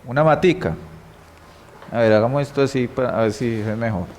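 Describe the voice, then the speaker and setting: A man's voice: mid-range voice, fairly quick, darkish tone, slight background noise. A man with a Colombian Spanish accent teaching a church Bible class, reading scripture and quizzing the class with questions and repeated key words.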